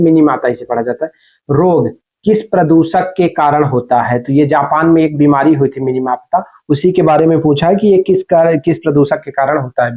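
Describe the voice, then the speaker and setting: Through a dull, lo-fi mic, a man whose voice is on the high side with a darkish tone coaches for an exam. He goes over questions and answers in a teaching manner, repeating them and posing rhetorical prompts.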